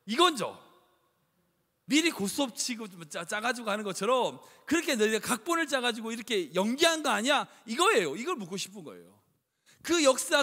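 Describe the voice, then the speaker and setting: A pastor with a high voice delivers a lively sermon in a church sanctuary, preaching emphatically and conversationally with rhetorical questions. The recording carries echoey hall reverb.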